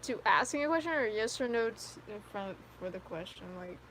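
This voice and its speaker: A woman's voice: mid-range voice, lively intonation, brisk, a bit bright, a little hiss or hum. A fifteen-year-old girl chatting on a live stream, telling rambling stories with lots of giggles and fillers. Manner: giggly, rambling storyteller with many "like"s. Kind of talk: casual live stream chat with viewers.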